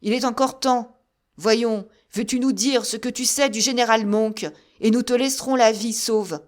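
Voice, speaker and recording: A brutal officer barks threats with a raised voice, as a woman reader puts him on. He is rough and menacing. This comes from a classic adventure audiobook. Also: on the low side, fairly even intonation, moderate pace, darkish tone, close to an everyday voice. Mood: threatening. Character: threatening male soldier officer. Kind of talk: audiobook character reading.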